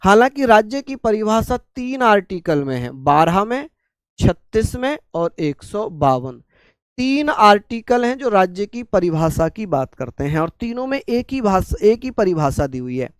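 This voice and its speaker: A man from India with a sore, infected throat, teaching a live online class slowly and calmly, repeating points and asking his students questions. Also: sits high, clean tone, dry recording.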